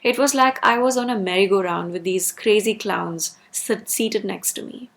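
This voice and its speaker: Creaky-voiced woman in a personal rant. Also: medium pitch, moderate pace. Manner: emphatic, repeats words for stress. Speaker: video creator sharing personal experience.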